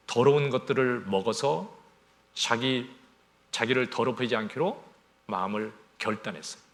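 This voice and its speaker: A man's voice: mid-range voice, fairly bright tone. A male pastor giving a Sunday sermon in a conversational way, often asking the congregation rhetorical questions and acting out everyday scenes. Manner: acts out everyday scenes in small voices.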